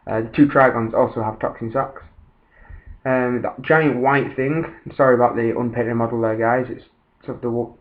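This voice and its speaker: A man's voice: mid-range voice, fairly even intonation, moderate pace, phone-quality sound. A man casually narrating a tabletop battle recap in a hesitant, informal way, sounding a little far away on a built-in laptop microphone. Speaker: tabletop wargamer presenting a battle report. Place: voice-over recorded at a laptop. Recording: band-limited laptop built-in microphone, slightly distant.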